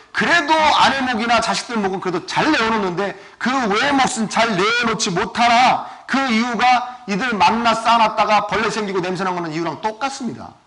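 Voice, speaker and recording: A male pastor giving a sermon, asking his congregation questions and swinging between loud and soft. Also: very high-pitched. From South Korea. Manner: asks the congregation questions often.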